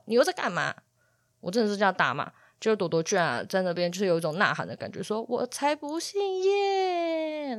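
Animated woman storyteller. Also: lowish voice, dry recording, clean studio sound. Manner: animated, exasperated retelling with acted-out quotes. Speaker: pet communicator podcast host. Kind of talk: casual storytelling podcast.

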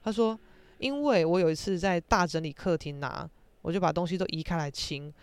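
A woman's voice: on the low side, fairly quick, smooth, dry recording. A young woman with a Taiwanese Mandarin accent, hosting a podcast and ranting animatedly in casual storytelling, with some casual swearing. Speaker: podcast host.

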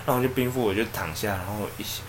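A man, co-hosting a podcast and telling a story in a casual, animated way. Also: lowish voice, very fast, noisy background. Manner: animated, acts out the people in his story. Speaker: podcast co-host.

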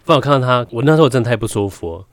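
A man's voice: mid-range voice, lively intonation, very fast, background noise. A man co-hosting a podcast in casual chat, blunt and teasing, cursing casually as he talks. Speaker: podcast co-host.

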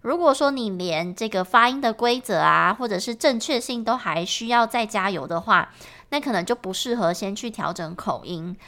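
A woman's voice: medium pitch, expressive, moderate pace, pushed and bright. A woman with a Taiwanese Mandarin accent, an English teacher explaining patiently in a podcast lesson.

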